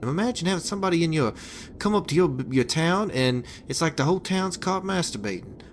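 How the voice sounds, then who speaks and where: A man's voice: fairly high pitch, expressive, brisk, slight background noise, natural voice. A man playing a crude, rambling wasteland hitman boss. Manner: profane, rambling, stammering restarts. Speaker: game character giving a hitman job. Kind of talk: video game dialogue.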